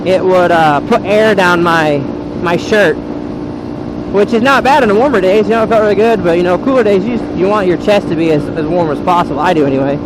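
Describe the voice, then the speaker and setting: An American motovlogger rambles casually to viewers while riding, speaking through a helmet mic. His voice sits high and moves fairly fast, over loud engine and wind noise.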